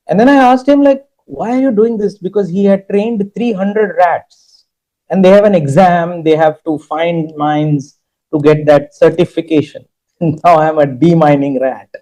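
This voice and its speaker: Mellow-voiced man telling stories on a panel. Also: high-pitched, rough recording. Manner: storytelling, emphatic lists. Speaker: guest speaker. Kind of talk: conversational interview talk.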